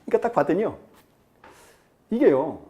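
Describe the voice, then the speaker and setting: A man's voice: fairly high pitch, sing-song, normal speed, warm tone, lo-fi sound. A male lecturer teaching a class in a chatty way, quizzing students and acting out quotes. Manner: chatty, asks the class questions and acts out quotes. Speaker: real estate law lecturer.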